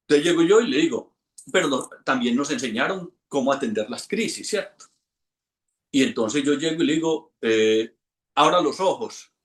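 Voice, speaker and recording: A man, an instructor telling a lively anecdote to a class and acting out the voices in it. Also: mid-range voice, normal speed, echoey room. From Colombia. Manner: animated storyteller, acts out quoted voices. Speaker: hypnosis instructor.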